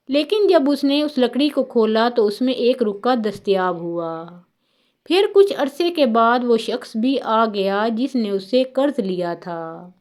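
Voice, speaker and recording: A woman narrating religious stories in a calm, measured, scripted way. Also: a little high. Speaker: storyteller.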